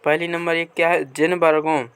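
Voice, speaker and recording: Clear-voiced male teacher explaining workbook. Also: fairly high pitch, level tone, fairly bright tone. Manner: asks questions and answers them himself, reads passages aloud slowly. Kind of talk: Hindi grammar lesson explaining a workbook page.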